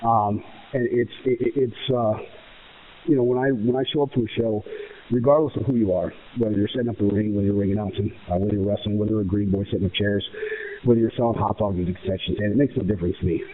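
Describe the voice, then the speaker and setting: An American professional wrestler answers interview questions emphatically and with self-assurance, repeating phrases in runs. His voice is fairly low with fairly even intonation, and he talks fast. The recording is muffled, with a narrow, phone-like radio sound.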